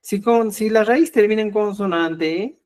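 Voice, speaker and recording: A middle-aged man leads a live online language class. His voice sits a little high for a man. He goes over each point patiently and keeps asking students whether they follow. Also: unhurried, darkish tone. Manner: patient, repetitive, checks understanding with frequent "ya?". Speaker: Quechua language teacher.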